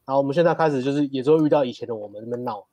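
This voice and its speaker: A man's voice: mid-range voice, rapid-fire, mellow, no echo. A man telling a nightclub story, amused and chuckling. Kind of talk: casual storytelling.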